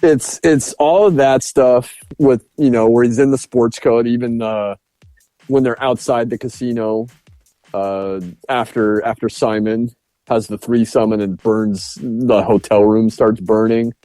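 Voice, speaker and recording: A man's voice: medium pitch, measured pace, no room sound. A man co-hosting a podcast, casually talking through a film review with laughs and restarts. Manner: animated retelling with frequent laughs and restarts. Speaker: podcast co-host.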